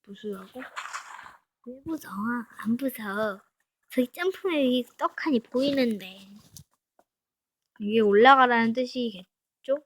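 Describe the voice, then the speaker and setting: Woman with a higher voice joking around while she plays a game, talks to herself a lot. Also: lively intonation, measured pace, pauses often, slight background noise. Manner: playful, chatty, talks to herself and viewers. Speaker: game streamer. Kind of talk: casual Minecraft parkour playthrough commentary.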